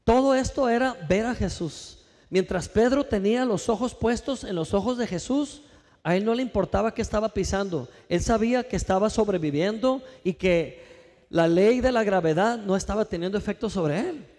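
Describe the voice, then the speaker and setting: A male pastor preaching a sermon in a church, with lively rhetorical questions and calls for the congregation to answer. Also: high voice, moderate pace, in a large hall.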